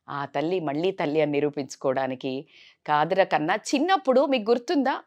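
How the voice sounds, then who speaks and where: A woman vlogger with a fairly low voice tells a family story. Her delivery is animated and dramatic, in casual talk to camera.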